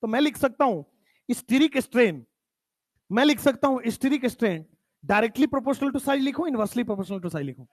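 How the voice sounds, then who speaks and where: A man teaching chemistry in a lecture, stressing key terms and repeating them, his voice dropping low whenever he states a definition. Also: fairly bright tone, dry recording. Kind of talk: classroom lecture.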